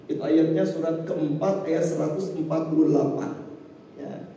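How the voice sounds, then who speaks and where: A male preacher with a high, mellow voice gives an evening lecture in a mosque, reciting Arabic verses between his explanations. He is picked up from a distance, and his voice rings through a large, very echoey hall with a long reverb tail. Faint background noise sits under the recording. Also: fairly even intonation, normal speed. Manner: addresses listeners as "Pak" constantly, recites Arabic verses. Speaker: Islamic preacher.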